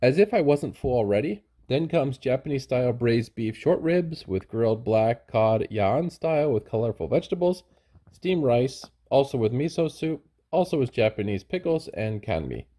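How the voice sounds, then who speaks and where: Male travel vlogger, very soft dark tone, middle pitch, low-key casual review narration. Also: lively intonation, moderate pace.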